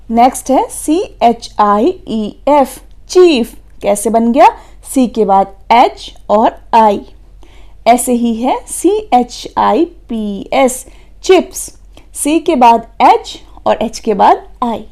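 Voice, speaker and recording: A woman's voice: fairly high pitch, expressive, slow pace, vocal fry, mellow. A woman teaching a phonics lesson for children, spelling words letter by letter and answering her own questions.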